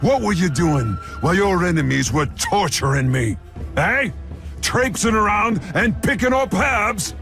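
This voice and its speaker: A man voicing a forceful, intense orc soldier in a video game, with a gravelly voice. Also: high voice, big pitch swings, measured pace, music in the background, exaggerated voice. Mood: bitter fury.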